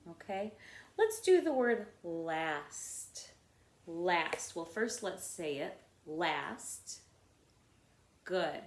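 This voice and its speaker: A woman teacher walks through a phonics lesson slowly, sounding out each word and repeating it. Her voice sits a little low. The room around her is echoey. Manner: slow, step-by-step, repeating words aloud.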